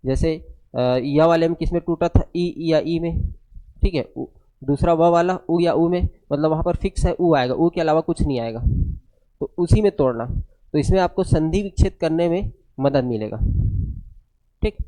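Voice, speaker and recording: Man teaching grammar, a bit high-pitched. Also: normal speed, warm tone. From India. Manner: explains step by step, asks questions and answers them himself. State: unwell, on medicine, low energy. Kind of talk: classroom lecture.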